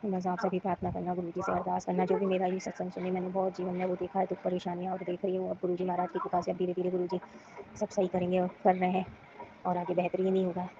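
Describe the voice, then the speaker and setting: A woman from Rajasthan speaks softly and slowly in a devotional testimony, repeating her thanks again and again. Her voice stays very flat and has a gravelly edge. The recording is muffled and lo-fi, with loud noise underneath. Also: fairly low pitch. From Rajasthan, India.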